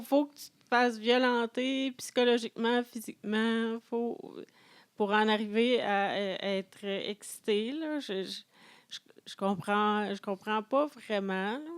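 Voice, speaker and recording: Quebec french woman on a book podcast, slow and halting, kinda high voice. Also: clear, resonant tone. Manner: hesitant, with many restarts. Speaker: podcast co-host. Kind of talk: casual book-club chat.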